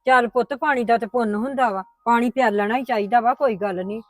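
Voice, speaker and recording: A woman's voice: fairly high pitch, quick pace, close to an everyday voice. A woman playing a coaxing patient grandmother. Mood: soothing. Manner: coaxing, placating. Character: patient grandmother, soothing mother-in-law. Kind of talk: family drama acting.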